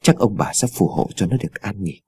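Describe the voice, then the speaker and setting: A man voicing a sorrowful older family elder in a ghost story, speaking low and subdued. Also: lively intonation, fairly quick, dark tone, slightly rough, dry recording, studio quality. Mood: grave. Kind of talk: storytelling voice acting.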